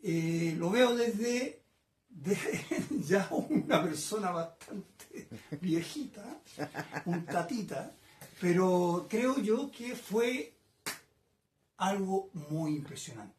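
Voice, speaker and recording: A man in his sixties with a Chilean accent, a painter recalling his childhood in a reflective, hesitant way, often pausing and adding tag questions. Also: sits high, lively intonation, a little mellow, echoey room, a little hiss or hum. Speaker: painter being interviewed. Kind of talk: casual reminiscing interview. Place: his home painting workshop.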